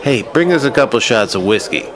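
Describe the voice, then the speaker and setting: A man's voice: deep voice, lively intonation, a little fast, crowd noise. A man voicing an eager, pushy man in his late forties at a bar. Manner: eager, pushy barroom talk.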